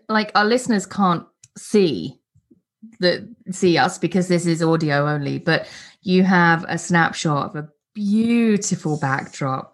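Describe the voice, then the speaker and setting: A woman hosting an interview podcast, chatty and friendly, often restarting her sentences. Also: deep voice. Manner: warm, chatty, with many restarts. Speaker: podcast host. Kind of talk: casual interview chat.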